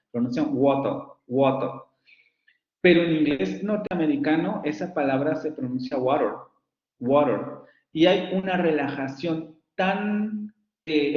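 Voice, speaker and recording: A man teaching a university phonetics class in a recorded online lecture, explaining at length and modeling sample words aloud. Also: fairly high pitch. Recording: roomy, dull lo-fi sound.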